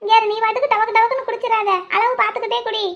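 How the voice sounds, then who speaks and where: A woman's voice: very high voice, flat delivery, rapid-fire, a bit bright. A woman voicing a bossy little village girl in a cartoon. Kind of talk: Tamil cartoon dubbing.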